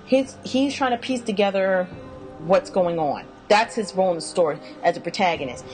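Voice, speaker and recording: A woman with a notably low voice talks through a game's characters in a loose, unscripted way. She stumbles, restarts and fills gaps with "um" as she goes. Soft music plays faintly underneath. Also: normal speed, poor audio. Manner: rambling, many fillers and self-corrections. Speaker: video game commentator. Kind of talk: casual spoken character rundown.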